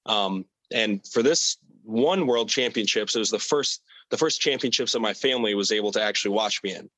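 Young man, low dry voice. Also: fairly quick, dry recording, poor audio. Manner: relaxed, with frequent fillers and repeated words. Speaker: athlete guest. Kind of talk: casual interview answers.

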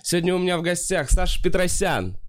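A man hosting a casual interview, speaking in slangy, halting phrases as he searches for words. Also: sits high, animated. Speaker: interview show host.

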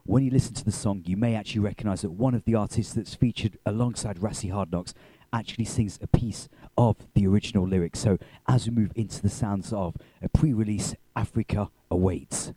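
A man's voice: lowish voice, fairly quick, mellow, breathy edge, no room sound, poor audio. A man presenting a radio programme as its host.

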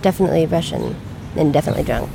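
A woman hosting a podcast outdoors in a city park, chatty and quick to laugh, a little tipsy. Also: deep voice, wildly swooping pitch. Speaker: podcast host. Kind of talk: casual chat. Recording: clear street noise behind. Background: city traffic noise.

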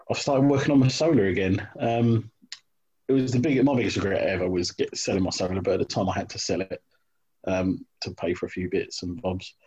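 A man's voice: lowish voice, darkish tone, breathy edge. A man in casual chat about his hobby, hesitant, with many ums and restarts, on dull lo-fi call audio. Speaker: hobby wargamer guest.

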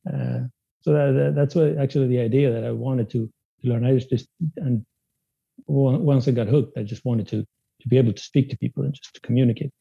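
Raised in Sweden and from a Spanish-speaking country, this Spanish-native guest answers casual podcast interview questions in a very dark, mellow, husky mid-range voice, fairly quick with fairly even intonation. He hesitates and restarts often, with many fillers, and the audio is dull and dry.

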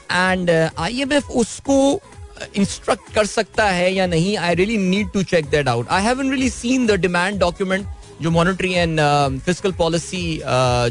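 Male morning host, Pakistani Urdu accent, slightly high pitch, breezy and chatty, faint music underneath. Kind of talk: live morning show chat.

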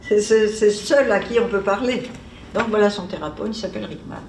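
A woman speaks a little fast in a medium-pitched, darkish voice during a casual seminar talk, drifting between ideas as though thinking aloud. Captured from afar in an echoey seminar room, the audio has a little hiss or hum.

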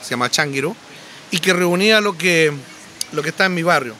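A man, a podcast guest and musician, telling anecdotes casually with lively restarts. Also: on the high side, fairly quick, a little hiss or hum. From Chile. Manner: animated anecdotes, frequent restarts. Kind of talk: casual storytelling.

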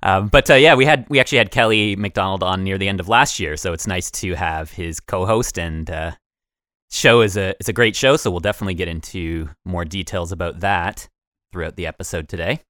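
A man's voice: deep voice, a little fast, a bit bright, no echo, studio quality. A man co-hosting a community radio talk show, upbeat and a little rambling. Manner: upbeat, rambling, restarts phrases.

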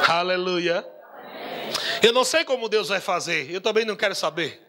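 A man preaching a sermon with fervor, laughing often and breaking into shouts. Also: sits high, background noise. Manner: fervent, laughing, bursts into shouts.

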